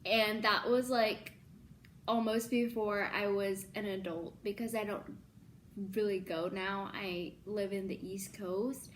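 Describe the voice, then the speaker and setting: A woman in her early twenties chatting casually to viewers in a vlog, full of ums and likes, getting excitable about things she loves. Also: mid-range voice, slow, a little hiss or hum. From born in Libya, Filipino. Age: 20s. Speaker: YouTuber.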